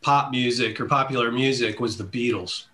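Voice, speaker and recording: A man's voice: medium pitch, fairly even intonation, moderate pace, pushed and bright, a little hiss or hum. A man hosting a podcast interview, talking in an enthusiastic, casual way and often repeating words as he goes. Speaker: podcast host.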